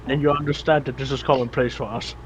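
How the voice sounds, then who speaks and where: A man's voice: mid-range voice, level tone, fast talker, noisy background. A man playing a brash, swearing adventurer. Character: brash battle-worn male adventurer Abaddon. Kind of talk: tabletop role-play. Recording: dull lo-fi audio.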